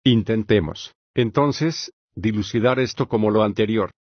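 A man, reading flatly and evenly, voicing an agreeable, modest young male disciple in an audiobook dialogue. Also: lowish voice, unhurried, no echo, highs cut off. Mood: conversing.

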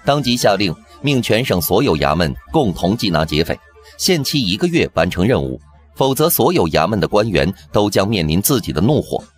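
A man narrating a period TV drama recap in a lowish voice that rises and falls vividly. His telling is brisk and scripted, with faint background music underneath. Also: big pitch swings. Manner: brisk storytelling.

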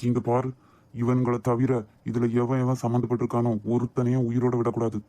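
Cartoon drama lead: a man playing a protective young boss, mellow and low-key, gives orders and comforts. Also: monotone, brisk, natural voice. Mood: commanding. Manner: commanding with men, soothing with his wife. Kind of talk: amateur cartoon voice acting.

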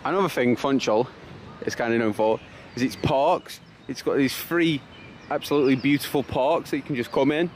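This noisy outdoor recording from a city park features a British travel vlogger in his thirties. He chats casually in a medium-pitched voice at a moderate pace.

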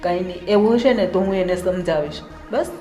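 A woman's voice: on the low side, fairly quick, mellow, soft background music, natural voice. A middle-aged woman playing a weary mother-in-law who agrees in a tired way. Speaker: mother-in-law in family drama. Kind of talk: Gujarati family drama acting. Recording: distant, echoey room.

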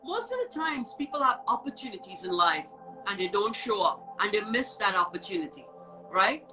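Her mid-range voice swings widely in pitch as this woman, hosting an informal live show online, heaps on encouragement and repeats herself a lot. She talks at normal speed. The audio is poor, with music behind her.

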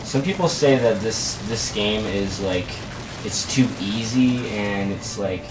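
Speaking slowly in a lowish voice with music in the background, a man rambles casually while playing a co-op video game, laid-back and full of filler words. Game sounds fill the echoey room, picked up by a distant mic.

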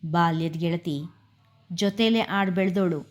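A woman voicing a hurt young husband who speaks in a low, restrained voice. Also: measured pace, faint music behind, close to an everyday voice.

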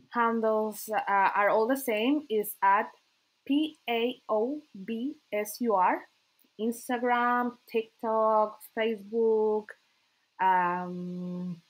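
Hesitating often and pausing a lot, a Colombian-accented woman whose native language is Spanish gives a casual self-introduction as a podcast host. Her voice is mid-range, and the audio quality is low.

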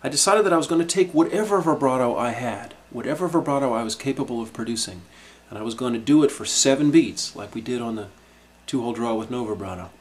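A middle-aged man teaching a harmonica lesson, explaining in a calm, reflective way with frequent restarts. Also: mid-range voice, quick pace, hardly any pauses. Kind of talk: instructional video lesson.

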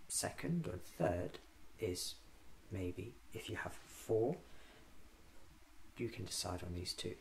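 Man playing the Doctor, slow, musing ASMR eccentric. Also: deep voice, creaky, a little hiss or hum, heavily acted, low-quality recording. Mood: musing, instructive. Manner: whimsical, musing aloud, unhurried. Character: eccentric time-travelling alien doctor, playful and vain. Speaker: ASMR roleplay performer. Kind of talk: ASMR roleplay, soft-spoken with whispering.

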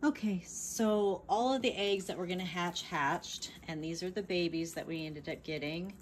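A small farm vlogger talks about her chicks while filming at home on her phone, narrating casually off camera in a chatty, plainspoken way full of ums and restarts. Her fairly low voice moves at normal speed, with a little hiss or hum in the audio.

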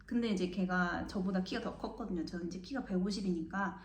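A woman's voice: medium pitch, a little fast. A young woman from Mokpo, South Korea, telling a story in a casual vlog and acting out the people she quotes. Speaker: vlogger. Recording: echoey room.

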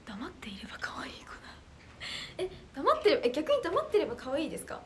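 A young woman chatting casually on a livestream and reading out viewer comments, with a loud, clear, carrying voice, an anime-like tone and bubbly, excitable reactions. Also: high-pitched, fast, a little hiss or hum.

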